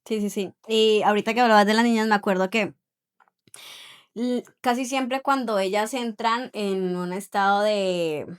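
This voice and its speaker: A woman's voice: mid-range voice, moderate pace, smooth. A middle-aged woman co-hosting a faith podcast, speaking in a reflective, conversational way. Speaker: podcast co-host. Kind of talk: casual faith podcast chat.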